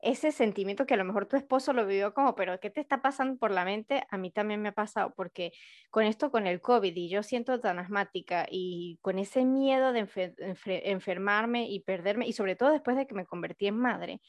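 A woman's voice: mid-range voice, a little fast, dry recording. A woman in her thirties hosting a casual chat, talking in a thoughtful, reflective way. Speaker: host.

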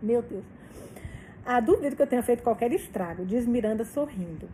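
A woman's voice: a little high, animated, brisk, mellow, slight background noise, low-quality recording. A woman reading a novel aloud, reacting emotionally and swearing between passages. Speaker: book reader.

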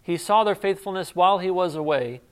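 A pastor preaches an expository sermon in a conversational, explaining manner. His voice sits a little high for a man, and he talks in short, measured phrases with pauses between them. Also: fairly bright tone, clean tone.

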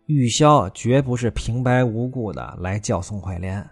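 A male storyteller narrates a classic tale at a middle pitch, dropping wry asides between scenes. Faint music plays softly behind his voice. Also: animated, a little slow, husky.

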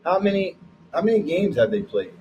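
Man, high voice, podcast co-host, hyped pep talk, repetitive catchphrases, faint background hum. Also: a little fast, muffled recording. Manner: energetic, preachy, repeats catchphrases, laughs often.

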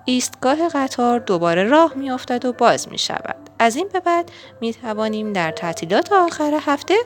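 A woman voicing a brisk, caring farm mother who hurries her children along in a children's storybook. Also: on the high side, sing-song, pitched above the performer's own voice.

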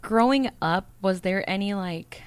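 A woman's voice: mid-range voice, a little slow, smooth. A woman hosting a podcast, upbeat and chatty, who laughs easily as she interviews a guest. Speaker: podcast host.

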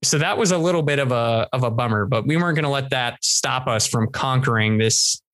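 A man's voice: mid-range voice, fairly quick, fairly bright tone, dry recording. A man from San Diego, a podcast co-host, telling a long story in casual chat with lots of restarts. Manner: rambling storyteller, many restarts.

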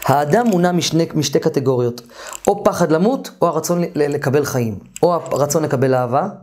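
His pitch sits a little high as he delivers an informal, lively lecture for a therapy course. Sentences often fade out and get restarted, and now and then he gets louder while role-playing client sessions.

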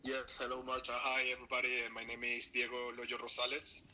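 A young adult man from Venezuela, a podcast guest talking in a relaxed way with restarts. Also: medium pitch, brisk, a crowd in the background, rough recording. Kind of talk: casual interview talk.

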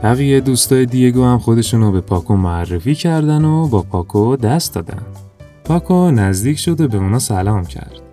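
A man narrating a children's story in a calm, even storytelling manner. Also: mid-range voice, faint music behind.

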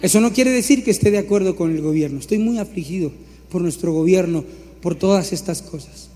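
A male pastor preaching in a high, ringing voice. He builds his points through repeated phrases and slips into mocking mimicry of others. His voice carries a long reverb from a large hall. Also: brisk, mellow. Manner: emphatic preaching with rising repetitions. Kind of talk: sermon.

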